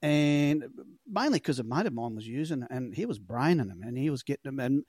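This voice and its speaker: A man's voice: mid-range voice, big pitch swings, a little fast, darkish tone, husky, no echo, clean studio sound. An Australian man with a laconic, colloquial way of telling rambling stories in a casual podcast chat, swearing freely. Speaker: podcast guest, lure fisherman.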